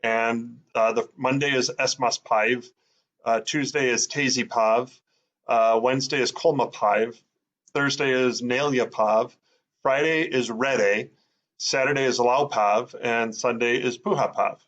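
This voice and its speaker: A man's voice: mid-range voice, fairly even intonation, unhurried, a bit bright, dull audio. A man teaching in a casual, thinking-aloud way, with many fillers as he sounds out words. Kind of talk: casual explanatory lesson.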